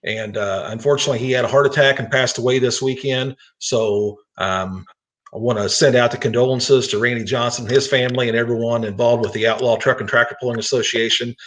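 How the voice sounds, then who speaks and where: A man's voice: mid-range voice, steady tone, a little fast, a bit bright. An American man, a tractor pull announcer, hosting a casual talk show in conversation. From East Central Illinois, United States.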